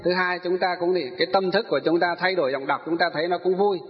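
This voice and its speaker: High-voiced man teaching a sutra lecture. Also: fairly even intonation, fast talker. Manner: explanatory, poses rhetorical questions and answers them. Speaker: Buddhist dharma teacher. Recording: dull recording with long hall reverb.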